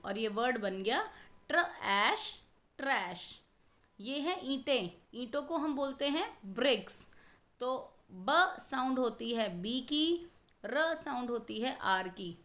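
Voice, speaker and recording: A woman teaching a worksheet lesson to young children, gently instructive, slowly sounding out letters and blends. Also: fairly high pitch.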